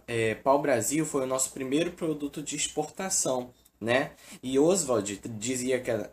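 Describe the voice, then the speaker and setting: Male teacher, Brazilian accent, mid-pitched, casual delivery with frequent fillers. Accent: Brazilian Portuguese. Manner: casual, fills with "né" and "é". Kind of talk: informal recorded lesson.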